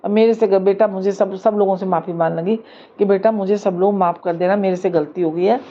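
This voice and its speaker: A woman's voice: mid-range voice, fairly even intonation, fairly quick, highs cut off, natural voice. Woman voicing a meek elderly mother-in-law. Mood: meek apologetic. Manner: soft, apologetic, near tearful.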